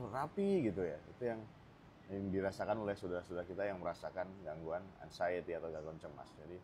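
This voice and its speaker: A deep-voiced man chats easily to his viewers outdoors, hosting a mental health talk in a loose, filler-heavy way. Faint outdoor ambience hangs under his voice. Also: slight background noise. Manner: relaxed, chatty, with frequent fillers and asides. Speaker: mental health channel host. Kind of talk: casual talk to camera. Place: outdoors in sunlight.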